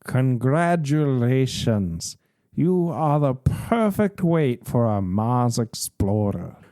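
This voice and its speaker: Rich: A man putting on a slow, measured recorded announcement from a rocket capsule, calm and falsely cheerful. The voice has a lively rise and fall and a dark, mellow tone, delivered in a dry, close sound. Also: mid-range voice, no echo. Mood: cheerfully ominous.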